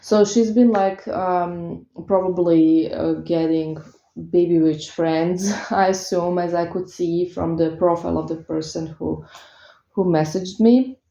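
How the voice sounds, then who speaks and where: A Croatian woman with a Croatian accent reads tarot and chats casually with her viewers, hesitating and using many fillers. Her warm voice sits on the low side, steady and unhurried, with vocal fry. The recording has an echoey room and dull lo-fi sound.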